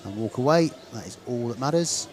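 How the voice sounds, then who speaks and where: Lively intonation and a fairly quick pace mark this medium-pitched man's speech. With an English West Country accent, he streams casual live speedway commentary, voicing his thoughts as they occur, amid the sound of a stadium crowd outdoors.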